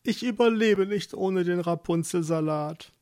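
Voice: mid-range voice, a little slow, a little mellow, pitched above the performer's own voice, close to an everyday voice. A narrator voicing a desperate young pregnant wife in a storybook, pleading. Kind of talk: storybook reading.

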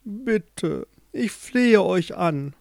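A man's voice: on the high side, expressive, a little slow, darkish tone, no room sound, studio quality, pitched above the performer's own voice. A man voicing an earnest young man who pleads for help finding his beloved. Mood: pleading.

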